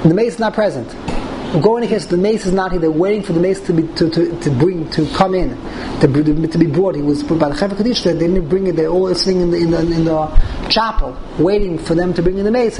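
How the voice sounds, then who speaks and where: A man's voice: high-pitched, quick pace. A man teaching an informal Talmud class as a rabbi, repeating and rephrasing as he explains phrase by phrase. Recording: clearly noisy room recording.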